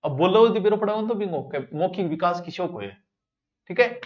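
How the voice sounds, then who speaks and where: A male teacher runs an exam-prep class, chatting straight to his students. His voice sits high, and he repeats the key words for emphasis. The recording sounds muffled and lo-fi. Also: expressive, normal speed.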